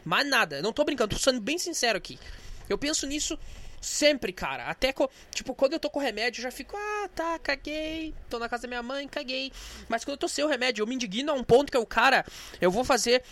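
A young man with an unusually high voice vents in a rapid, breathless rush. His monologue is angry and indignant, thick with swearing. It is a casual vlog rant delivered straight to the camera. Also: big pitch swings, a bit bright. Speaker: vlogger. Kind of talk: profane venting monologue.

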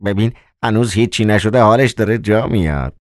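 A man's voice: on the low side, dry recording, voice pushed up, natural voice. A sly, fawning servant of the devil who coaxes in a wheedling, theatrical tone, as a male narrator puts him on. His voice sits raised above the narrator's own and is recorded dry and close, like a storybook reading. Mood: sly coaxing.

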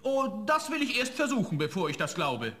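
A man's voice: high voice, huge pitch swings, moderate pace, sharp tone, full character voice. A young man playing a clever, cheeky student, firm with a spirit and polite to his father, in a fairy-tale radio play. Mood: defiant. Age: young adult.

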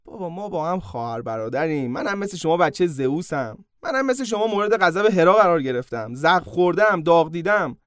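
A man's voice: a little high, lively intonation, few pauses, no echo, studio quality, natural voice. A man voicing a wronged male demigod hero who pleads in a self-pitying way. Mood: pleading.

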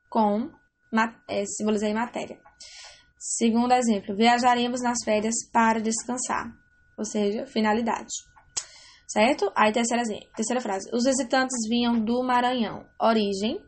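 Higher-voiced woman teaching grammar. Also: a little mellow. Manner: explains step by step with frequent check-ins. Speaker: Portuguese teacher. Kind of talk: grammar lesson.

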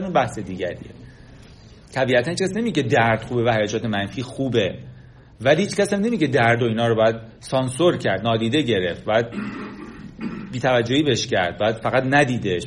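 A man's voice: medium pitch, slight background noise. A man giving a lecture, talking directly to the audience and acting out the things people say. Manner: animated, acts out quoted speech.

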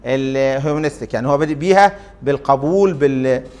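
A man's voice: medium pitch, fast, a little mellow. A man with an Egyptian Arabic accent giving an interactive lecture. He often questions the class and stretches out his fillers.

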